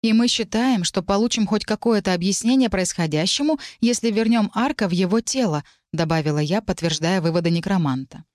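A woman's voice: medium pitch, brisk, few pauses, a little mellow, dry recording, clean studio sound. A woman narrating a fantasy novel in the first person as an audiobook reader.

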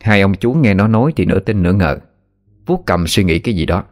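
A man narrating a spooky story in a steady, even manner. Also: sits low, fairly quick. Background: faint background music.

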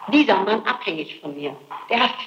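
A woman under questioning as a suspect gives spontaneous interrogation testimony, answering emphatically and insistently and repeating her phrases. Her mid-range voice is animated and fairly quick, heard on dull, noisy, echoey archival tape.

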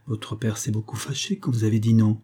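Jeune homme persuasif, lu par un homme, voix voilée, paroles pressantes, livre audio. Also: male voice, on the low side, steady tone, brisk, dark tone, breathy edge. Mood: conspiratorial. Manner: insistent and coaxing. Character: jeune séducteur calculateur et persuasif.

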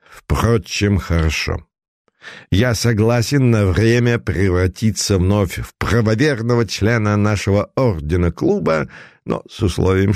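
A man voicing a carefree, mocking young dandy who speaks softly with a burred r, in an audiobook reading. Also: on the low side, gravelly, no echo, studio quality, pitched above the performer's own voice, full character voice. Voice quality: soft voice with a burred r. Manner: teasing and carefree.

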